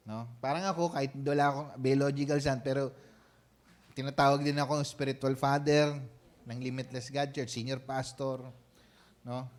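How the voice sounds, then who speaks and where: A man's voice: mid-range voice, a little mellow. A man with a Filipino accent, a senior pastor giving a sermon in a conversational style and often checking in with the congregation. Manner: conversational preaching, frequent tag questions.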